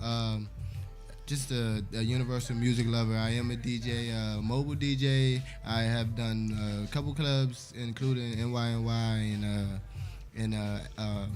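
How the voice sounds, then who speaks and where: A man who works as a mobile DJ, introducing himself slowly and deliberately as a guest. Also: medium pitch, fairly even intonation, a little mellow, faint music behind. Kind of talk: casual interview chat.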